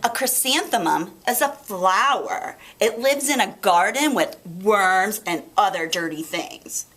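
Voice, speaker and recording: A woman's voice: medium pitch, measured pace, fairly bright tone, close to an everyday voice. A woman voicing a haughty know-it-all schoolgirl in a storybook, smug and emphatic. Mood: smug, mocking.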